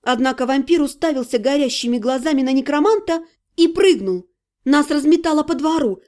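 Woman reading a story aloud, high voice but mellow tone, expressive. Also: brisk. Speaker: audiobook narrator. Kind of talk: scripted narration.

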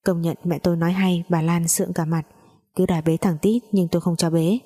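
Female storyteller, mellow and low, chatty narration. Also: fairly even intonation, fairly quick.

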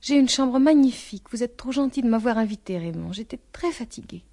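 A composed, faintly weary grown woman who keeps a cool distance, as a woman reads her in an audiobook. Her tone stays even and self-possessed, with no effort to sound warm. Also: on the high side, brisk. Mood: gracious. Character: poised, cool older woman guest.

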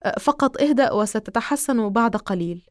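A woman's voice: on the high side, expressive, a little fast, no echo, clean studio sound, close to an everyday voice. A woman reading an audiobook voices a worried young man who talks urgently and tries to reassure.

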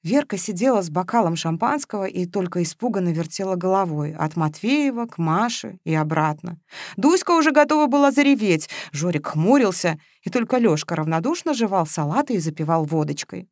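A woman narrating an audiobook in a measured, expressive reading. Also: on the low side, dry recording, clean studio sound. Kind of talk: scripted narration.

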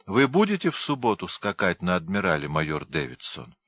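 A man reading an audiobook, voicing a menacing adult man who speaks in a hoarse half-whisper, sinister and coaxing. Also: deep voice, very animated, fairly quick, a bit bright, full character voice.

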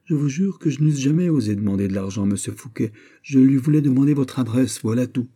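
A man's voice: medium pitch, fast, warm tone, husky, pitched above the performer's own voice, lightly acted. A man voicing a flustered, fawning prison governor who stammers and tries hard to please, in a French audiobook reading. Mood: obsequious.

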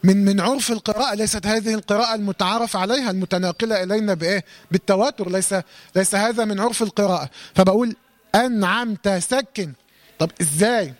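A man with an Egyptian Arabic accent teaching Quran recitation to a class, quizzing them with questions and demonstrating words slowly. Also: sits high. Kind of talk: lesson to a class.

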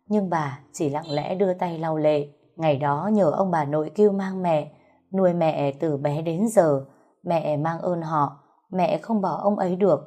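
A woman giving measured, plaintive first-person narration of a family story. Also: lowish voice, dark tone.

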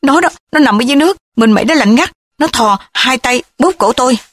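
A woman's voice: mid-range voice, brisk, lightly acted. Woman voicing a raving, panicked young man. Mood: raving, frightened. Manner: shouting, panicked.

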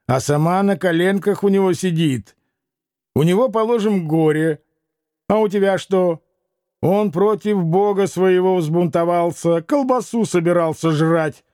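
A spiteful young man in an audiobook, as a male reader voices him, pitched higher than the reader's own voice. He teases and sneers at everyone around him, in a dark, mellow tone with a dry, close sound. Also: unhurried, no echo. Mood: sneering. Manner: teasing, sneering.

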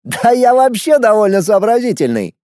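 A man's voice: high voice, very animated, moderate pace, warm tone, no room sound, studio quality, voice pushed up. A man doing a cocky, drawling young musician. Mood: cocky, sardonic. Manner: drawling, mocking.

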